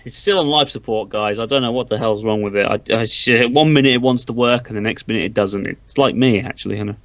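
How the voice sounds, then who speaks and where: A man's voice: mid-range voice, quick pace, a bit bright, dry recording, lo-fi sound. A man co-hosting a casual podcast, bantering and laughing often. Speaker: podcast co-host.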